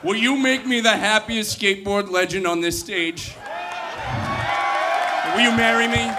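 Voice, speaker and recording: A man's voice: high-pitched, steady tone, a little slow, sharp tone, faint music behind, a faint crowd. A man with a Boston accent giving an impassioned, theatrical speech on stage as a guest at a live comedy show. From greater Boston area, USA. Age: 30s. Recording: live stage with audience noise.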